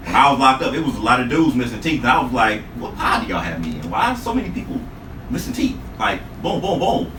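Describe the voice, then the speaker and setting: A man's voice: medium pitch, sing-song, fairly quick, bright, forceful tone. A man in his late thirties, a podcast co-host joking and teasing in casual, profane chat. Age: 30s. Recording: echoey room from a distant mic, noisy.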